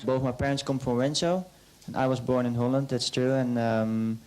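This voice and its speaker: A man's voice: medium pitch, fairly even intonation, normal speed, darkish tone, low-quality recording. A young man, a racing driver, answering interview questions hesitantly with ums.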